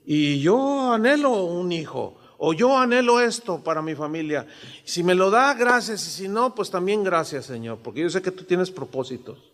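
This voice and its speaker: A man's voice: high voice, expressive, normal speed, fairly bright tone. A man in his sixties with a Mexican accent, preaching a sermon in a conversational way full of rhetorical questions. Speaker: pastor. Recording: long hall reverb.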